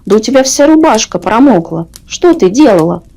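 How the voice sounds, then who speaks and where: Lady doing a cross nursemaid telling off a kid in a bedtime tale, mellow, swoopy. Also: a little high, sing-song, fairly quick. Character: cross, scolding royal nursemaid. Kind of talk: bedtime storybook reading.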